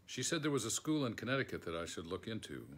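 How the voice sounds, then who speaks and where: An older American man from Schenectady, New York, reads a written memoir aloud as scripted narration. His voice is fairly low-pitched and sing-song, moving at a quick pace. He is the foreword author, reading in a book-lined room at home.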